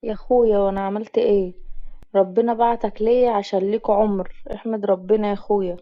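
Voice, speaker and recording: A woman with an Egyptian accent playing a kind, talkative eighteen-year-old village girl who speaks in a quick, earnest way, in a dramatized story reading. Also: mid-range voice, steady tone, dry recording, natural voice. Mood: gentle. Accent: Egyptian Arabic. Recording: muffled lo-fi recording.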